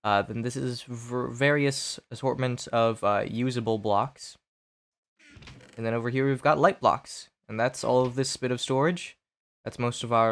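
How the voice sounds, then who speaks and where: A man who sounds sick, hosting his gaming channel with easygoing, rambling gameplay commentary full of pauses. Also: medium pitch, smooth. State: sick, stuffy voice.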